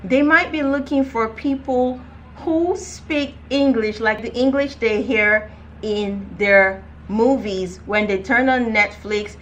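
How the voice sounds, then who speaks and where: A woman's voice: on the high side, slow, fairly bright tone, lo-fi sound, a little hiss or hum. A young woman coaching viewers on careers, talking to camera in a direct, emphatic, conversational way. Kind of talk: casual advice vlog.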